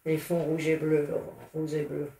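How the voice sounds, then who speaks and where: A woman's voice: low-pitched, monotone, unhurried, vocal fry, dark tone. An older woman, an artist, recalling past work in a chatty, hesitant way with many restarts. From France. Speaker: artist interviewed. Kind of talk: casual recollection. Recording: echoey room, faint noise.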